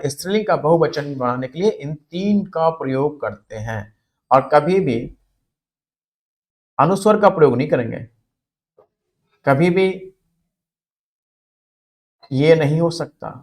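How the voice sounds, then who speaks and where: A man with a fairly high voice teaches a spelling lesson. He goes slowly and patiently, explaining each point step by step and repeating key words so they stick. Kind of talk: spelling and grammar lesson for exam students.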